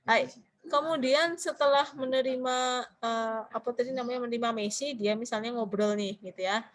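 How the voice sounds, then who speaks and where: A woman's voice: fairly high pitch, normal speed. A woman with an Indonesian accent teaching a business Japanese class, explaining in Indonesian and quizzing her students.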